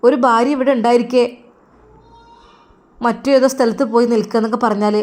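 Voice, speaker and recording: A woman voicing a resentful young wife, speaking in a sharp, reproachful way. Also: on the high side, fairly even intonation, brisk, natural voice.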